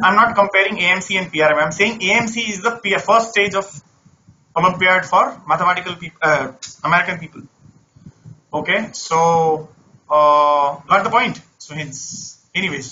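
A man's voice: a little high, pushed and bright, dull audio, a little hiss or hum. A man from India teaches an interactive online maths lesson conversationally, often repeating words and phrases. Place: online class over screen share.

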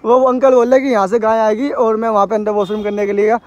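A young man vlogging outdoors while climbing a rocky hill, talking fast and joking, out of breath. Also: high-pitched, lo-fi sound. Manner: fast, excitable, joking banter. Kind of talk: casual outdoor vlog. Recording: outdoor phone audio with background noise.

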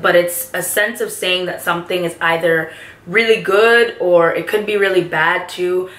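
A woman's voice: on the low side, fairly bright tone. A woman in her twenties from New York with a Puerto Rican accent, chatting casually and informally to camera as she explains slang, slipping into Spanish for examples. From New York, United States. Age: 20s. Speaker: vlogger teaching slang. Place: small indoor beauty room, slightly echoey. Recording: echoey room sound.

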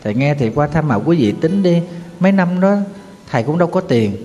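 A Buddhist monk with a Southern Vietnamese accent, giving a sorrowful storytelling sermon and now and then chanting folk verses. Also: male voice, fairly high pitch, expressive, a little fast, mellow, dull audio. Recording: long hall reverb with faint music.

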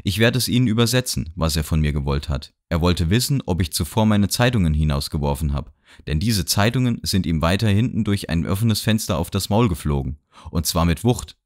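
A man voicing a talkative middle-aged gentleman on a train who rambles and lectures cheerfully. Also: low-pitched, animated, a little fast. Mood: boastful. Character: chatty middle-aged gentleman traveler, boastful and nosy. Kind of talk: audiobook character voice. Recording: dry studio sound.

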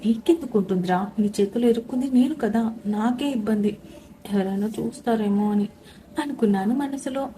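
A young woman tells a romance story in the first person with a lively, expressive reading. Her voice is mellow and warm and sits a little high, with a faint noise behind it. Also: normal speed.

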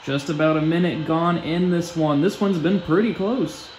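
A man's voice: a little high, moderate pace, a little mellow, echoey room, a little hiss or hum, low-quality recording. A young man giving casual play-by-play commentary over a basketball video game simulation in short clipped phrases.

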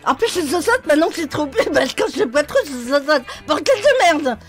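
Game role-play part: woman playing tipsy, joyful female boxer, extremely high voice, lisped s, animated delivery, faint music. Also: brisk. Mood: apologetic, tipsy. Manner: lisps, saying sh-like sounds for s.

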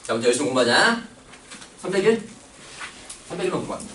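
A man's voice: a little high, sing-song, fast talker, a bit bright. A man teaching a math class in a loose, joking way, using coarse slang and constantly asking whether students agree. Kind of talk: casual classroom lecture with teasing. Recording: echoey classroom recorded from far off with noise.

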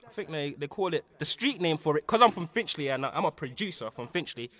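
A man, loudly mocking rivals in a diss skit with stammering repeats. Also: fairly high pitch, animated, a little fast. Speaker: rapper.

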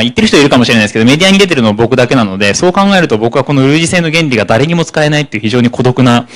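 Fast-talking animated man lecturing. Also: medium pitch. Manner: rapid, animated delivery that slows for key points. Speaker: lecturer on psychology. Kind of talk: live seminar talk.

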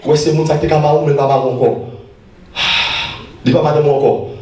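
A man with a Haitian accent, preaching as an evangelist in a church, often shouting and repeating phrases. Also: a little high, fairly even intonation, a little fast. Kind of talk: preaching a sermon. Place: church sanctuary. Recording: echoey church hall from far off.

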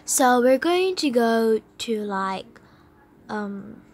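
A woman's voice: fairly high pitch, expressive, very slow. Rambling woman narrating a role-play. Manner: rambling, with fillers.

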